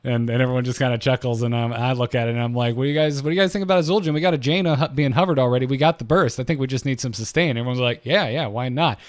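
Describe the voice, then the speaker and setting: A man co-hosting a gaming podcast tells stories in a chatty way, his medium-pitched voice rapid-fire with few pauses. He often stammers and restarts as he goes, keeping the talk casual.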